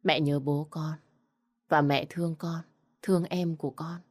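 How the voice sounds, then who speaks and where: A woman voicing a weary young pregnant widow, quiet and restrained, in a storybook. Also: low-pitched, fairly even intonation, unhurried. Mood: tender.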